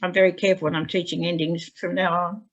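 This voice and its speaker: Speaking fast in a lowish voice with little pitch movement, this English teacher rambles through a classroom story for other teachers, full of fillers and restarts. She's presenting from home, and the video call sound is dull and lo-fi.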